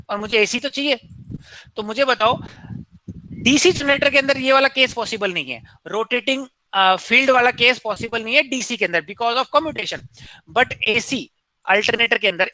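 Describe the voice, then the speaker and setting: A man's voice: very high voice, normal speed, sharp tone, poor audio. A man giving a classroom engineering lecture, posing questions to students and answering them himself, mixing in English technical terms.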